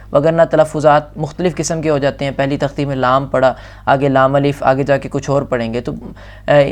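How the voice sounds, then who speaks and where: A man with a Pakistani Urdu accent teaching Quran reading, slowly stretching out letter names and then explaining patiently. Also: fairly high pitch, darkish tone. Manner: patient, instructive, insists on slow careful pronunciation. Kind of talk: slow, drawn-out letter recitation alternating with fast spoken explanation.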